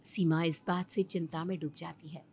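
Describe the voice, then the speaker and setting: A woman narrating a children's story in an expressive, sing-song way. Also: low voice, normal speed, slight background noise.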